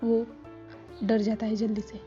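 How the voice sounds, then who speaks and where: A woman performs a calm, protective uncle in a storybook retelling, speaking in soothing tones. The voice is dark, mellow and fairly even in pitch. Soft music runs under a slightly muffled recording. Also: measured pace, close to an everyday voice. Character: calm protective grown man, gentle uncle.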